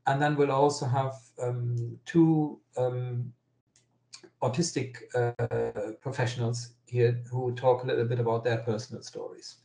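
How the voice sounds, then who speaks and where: A man presents over a video call, and his voice comes through with a strange metallic tint. The audio is roomy and echoey, with an average pitch. He pauses often and fills the gaps with ums and restarts. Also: little pitch movement, gravelly, mellow. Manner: hesitant, many ums and restarts. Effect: strange metallic sound over an online call. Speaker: webinar presenter. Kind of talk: online presentation.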